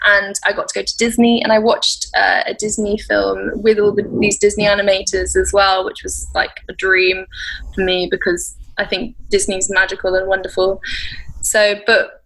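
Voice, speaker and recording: A woman's voice: mid-range voice, level tone, moderate pace, vocal fry, a bit bright, low-quality recording. A young woman chatting as a podcast guest, rambling along with many fillers and restarts. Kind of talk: casual interview chat.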